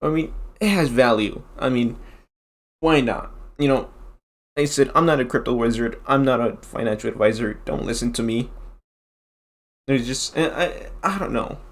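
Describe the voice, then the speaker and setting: A man's voice: medium pitch, moderate pace. A man giving a casual, rambling commentary, filling his talk with constant "you know"s. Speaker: vlogger.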